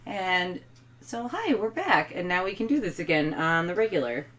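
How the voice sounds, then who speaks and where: A woman's voice: fairly low pitch, sing-song, moderate pace, a bit bright. A woman co-hosting a casual home podcast, talking freely with lots of "like" and fillers. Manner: chatty, filler-heavy, lots of "like". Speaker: podcast co-host. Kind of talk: casual chat.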